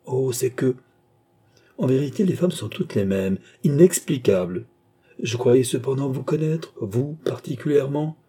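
Kindly court doctor, dark husky tone, musing then exasperated, read by a man. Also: medium pitch, expressive, a little slow, pitched above the performer's own voice.

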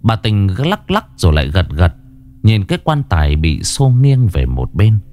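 Dramatic male ghost story narrator. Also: moderate pace. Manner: expressive, swinging pitch. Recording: narration over background music.

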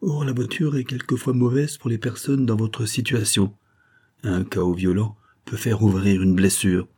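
A mysterious young viscount, calm and self-assured with a teasing edge, as a male narrator voices him. The tone is a little lifted above the reader's own low register. The husky grain of the narrator's voice stays underneath. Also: measured pace. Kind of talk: audiobook character reading.

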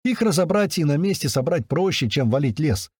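A man doing a calm, wry commander. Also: on the high side, brisk, breathy edge, no room sound, studio quality, pitched above the performer's own voice. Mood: explaining. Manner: calm and matter-of-fact.

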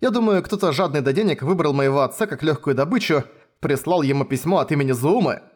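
A man's voice: a little high, animated, fast talker. A man voicing a haughty, prissy young nobleman in an audiobook reading, with a sneering, affected delivery. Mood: smug.

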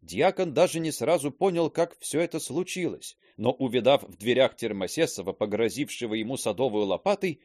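A man's voice: medium pitch, animated, brisk, hardly any pauses, darkish tone, no room sound, studio quality. A man narrating a classic novel as an audiobook, telling the story expressively.

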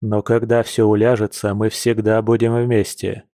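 A man voicing a tender, persuasive werewolf man in an audiobook, talking slowly and softly. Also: lowish voice, steady tone, no echo, studio quality. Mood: earnest. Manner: slow, soft, coaxing.

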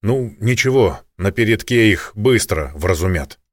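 Guy playing a no-nonsense police sergeant, brisk, low voice. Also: animated, no echo, studio quality. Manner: brisk, businesslike.

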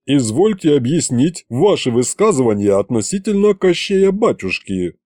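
A man's voice: mid-range voice, big pitch swings, moderate pace, dark tone, dry recording, clean studio sound. A man voicing a stiff, formal male official who speaks in a stilted, prim way. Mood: indignant.

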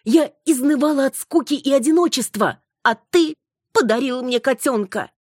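A woman doing a shrill, hysterical jealous wife. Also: normal speed, husky, no room sound, studio quality. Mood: reproachful. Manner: shrill, accusing, near tears.

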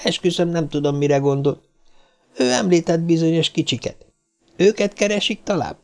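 A man's voice: a little high, expressive, creaky, soft background music, pitched above the performer's own voice. A man putting on a cheeky little circus man. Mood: cheeky chatter. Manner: chatty, stammers when frightened. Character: small male circus performer, cheeky, nervous.

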